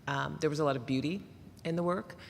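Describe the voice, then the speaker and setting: A woman's voice: low-pitched, quick pace, creaky, big-room sound, slight background noise. Reflective woman interviewer from Tennessee. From Nashville, Tennessee. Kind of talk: live on-stage interview.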